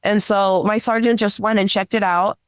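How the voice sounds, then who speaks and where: A police dispatcher appearing as a podcast guest tells work stories in a chatty, informal way, using "like" constantly and quoting dialogue. Her mid-range voice has fairly even intonation, a moderate pace and a clean tone, recorded in clean, echo-free studio sound.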